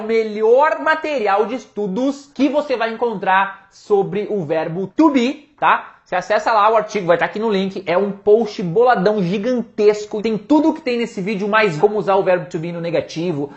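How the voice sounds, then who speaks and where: Brazilian male English teacher, energetic and playful online lesson, slightly muffled lo-fi recording. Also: sits high. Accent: Brazilian Portuguese. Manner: energetic, playful, hypes his materials. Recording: slightly dull lo-fi sound.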